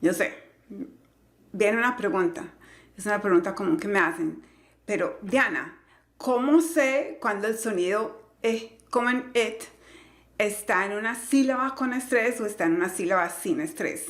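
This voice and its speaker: A woman who teaches English pronunciation, explaining slowly and carefully and repeating each example word. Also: mid-range voice, echoey room. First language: Spanish.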